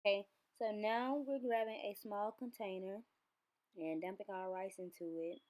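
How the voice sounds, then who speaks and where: A woman's voice: medium pitch, fairly even intonation, normal speed, darkish tone, low-quality recording. A young woman hair vlogger giving a casual how-to walkthrough, rambling in a chatty, loose way. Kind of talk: casual how-to vlog narration.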